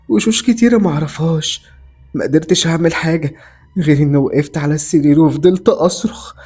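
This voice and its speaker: A man tells a first-person horror story with dramatic tension. His voice is dark and mellow, with a husky edge, and faint music plays under it. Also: on the high side. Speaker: voice actor narrator.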